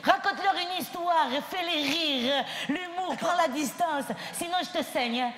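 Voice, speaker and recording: A woman playing a bossy mother who teases and pushes her shy son in a live comedy sketch, talking in quick mocking banter. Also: very high voice. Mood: teasing. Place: conference hall stage. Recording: roomy hall with ambient noise.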